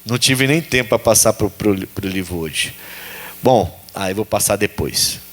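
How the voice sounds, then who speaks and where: A man's voice: on the low side, measured pace. A man preaching a sermon as pastor, repeating phrases and putting questions to the congregation.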